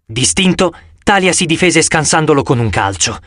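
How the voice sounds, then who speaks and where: A man narrates a novel in the first person with a dramatic, expressive reading. His voice is fairly high for a man. The recording is close and very dry. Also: moderate pace, dry recording. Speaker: audiobook narrator. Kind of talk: scripted audiobook narration.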